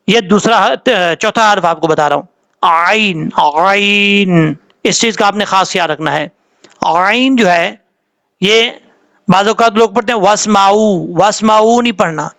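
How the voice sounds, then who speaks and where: A man's voice: sits high, sharp tone. A man teaching Quran recitation rules, spelling out letters and vowel marks one syllable at a time and drawing out the recited examples, in a patient, explanatory manner.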